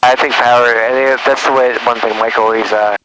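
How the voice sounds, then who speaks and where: Casting: male student pilot, mid-pitched, casual chat on headset intercom, loud engine noise throughout. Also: level tone, brisk. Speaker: pilot in training. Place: small aircraft cockpit in flight. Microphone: aviation headset intercom.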